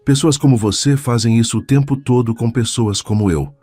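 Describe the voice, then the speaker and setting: A man's voice: medium pitch, brisk, dark tone, slightly rough, no room sound, pitched above the performer's own voice, lightly acted. A man voicing a guarded, defiant young woman in a story, speaking tensely.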